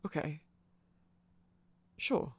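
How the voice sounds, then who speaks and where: In a dry recording, a man performs a casual ASMR audio roleplay as a nerdy, friendly male vampire who loves music. Shy and hesitant, he speaks softly close to the microphone, rambling haltingly with self-deprecating remarks and small laughs.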